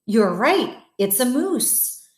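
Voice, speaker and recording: Reading aloud to children at bedtime, a guest reader with a fairly high voice keeps things slow and expressive. She turns to the kids with questions that wonder aloud, and her voice bounces around an echoey room.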